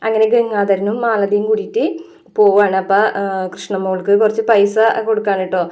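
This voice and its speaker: A woman's voice: medium pitch, level tone, fairly quick, dark tone. A woman, chattily recapping a TV serial episode for her channel. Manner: chatty, tags sentences with little asides. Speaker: serial reviewer. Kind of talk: casual episode recap narration.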